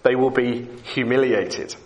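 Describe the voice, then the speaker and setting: A man's voice: mid-range voice, little pitch movement, unhurried. Guy preaching an evening sermon, chatty, keeps asking the congregation stuff. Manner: conversational, asks the congregation questions.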